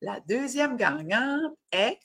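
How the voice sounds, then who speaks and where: A woman's voice: a little high, sing-song, slow, fairly bright tone, slightly rough. A woman with an Acadian French accent hosting a casual fitness live stream, upbeat and cheering, slipping English words into her talk. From New Brunswick, Canada.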